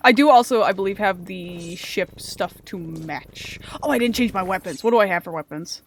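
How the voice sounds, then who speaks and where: A woman streamer chatting casually and excitably with friends while playing a pirate game, often laughing. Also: mid-range voice, normal speed, a little hiss or hum. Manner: giggly, scattered, excitable. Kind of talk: casual gaming chat.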